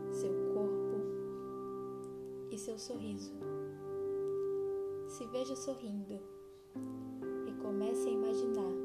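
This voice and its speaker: A woman narrating a guided meditation like a sleep story, soothing and deliberate, leaving long pauses between short phrases. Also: mid-range voice. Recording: music behind the voice.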